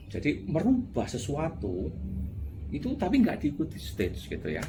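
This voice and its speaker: A man's voice: fairly low pitch, noisy background. A man giving a casual motivational talk, chatty and full of little tag words. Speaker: motivational speaker.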